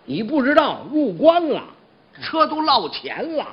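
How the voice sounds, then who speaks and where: A man with a Beijing accent leads a crosstalk comedy act with playful, boastful banter. His voice sits fairly high and leaps around a great deal. It comes through a dull, lo-fi stage recording. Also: huge pitch swings, measured pace, breathy edge. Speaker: crosstalk comedian, lead teller. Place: theater stage.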